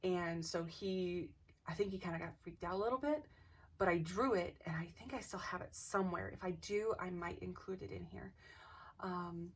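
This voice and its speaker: A woman telling a personal ghost story to camera in a casual, animated way, acting out the dialogue and sometimes dropping to a whisper. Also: on the low side, normal speed, slight background noise. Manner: animated, acts out quoted dialogue, drops into whispers. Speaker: craft channel host. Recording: voice a bit distant from the mic.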